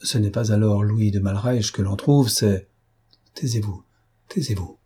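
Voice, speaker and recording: A man doing a suave, gentle gentleman thief. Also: fairly low pitch, unhurried, husky. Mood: probing. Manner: gentle, persuasive.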